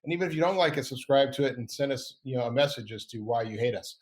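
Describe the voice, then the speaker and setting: A man's voice: mid-range voice, animated, quick pace. Middle-aged guy hosting a chatty podcast, rambly and upbeat, keeps fixing what he just said. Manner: rambling, self-correcting, upbeat. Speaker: podcast host. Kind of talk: casual chat.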